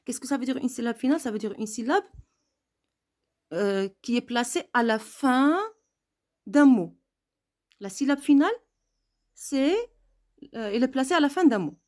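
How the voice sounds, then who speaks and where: A woman teaching a French grammar lesson. She speaks slowly and repeats key words and letters to stress how they are pronounced. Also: a little high, expressive, a little mellow.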